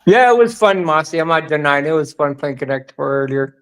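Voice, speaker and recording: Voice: medium pitch, expressive, fairly quick, clean tone, faint music behind. A co-host on a casual live stream, joking and teasing the host.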